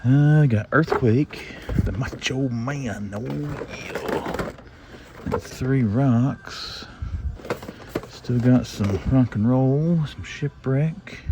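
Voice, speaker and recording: A medium-pitched man records a casual walk-through vlog against a noisy background. This middle-aged toy collector, speaking with a Southern drawl, hunts the store aisles for toys and chats rambling to himself as he looks over the shelves.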